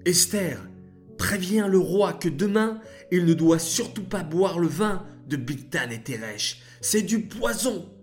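A man's voice: high voice, expressive, slow, soft background music, pitched above the performer's own voice. A man doing an urgent, worried guardian. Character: worried loyal older cousin.

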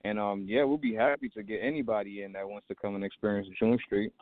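Relaxed man on a tinny phone line. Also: lowish voice, quick pace, no room sound. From Trinidad. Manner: relaxed, rambling with many fillers. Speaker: barbershop owner, guest. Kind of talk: casual interview chat.

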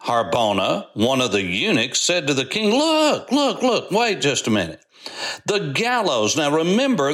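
A man's voice: medium pitch, a bit bright. A man preaching a sermon and explaining a Bible story, acting out the quoted lines. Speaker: pastor.

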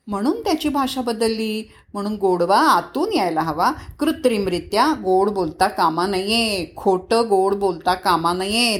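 A woman telling a moral story to children, speaking lively and asking them questions that she answers herself. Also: medium pitch. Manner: sings devotional verse slowly.

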